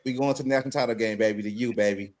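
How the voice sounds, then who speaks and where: A man's voice: lowish voice, steady tone, racing, darkish tone. A man on a sports panel bantering casually in cocky, slangy talk.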